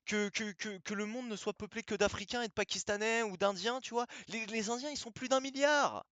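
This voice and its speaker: A man's voice: high-pitched, steady tone, a little fast, fairly bright tone, dry recording. A man talking in a casual monologue, emphatic and repetitive, firing off rhetorical questions.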